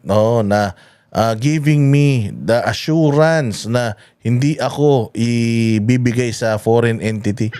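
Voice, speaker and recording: A man talks through the day's politics in a loose, conversational way. He chuckles often as he goes. His voice sits at an ordinary middle pitch, with a faint hiss underneath. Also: darkish tone. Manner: chatty, chuckling, swinging pitch. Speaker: political commentary vlogger. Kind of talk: casual political commentary.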